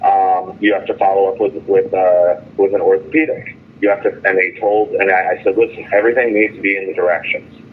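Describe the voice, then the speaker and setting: A detainee on a tinny, noisy telephone line speaks in a low voice and level tone. Airing his grievances unscripted, he's indignant and emphatic, quoting dialogue while halting, repeating himself, and restarting clumsily.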